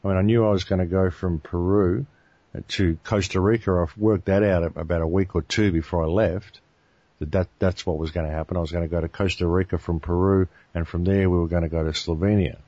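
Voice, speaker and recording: A deep-voiced Australian man talks as a guest, rambling easily through his story with restarts along the way. The sound is dry and a bit muffled, with no room around it. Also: fairly even intonation, brisk, warm tone, dry recording. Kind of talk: casual interview talk.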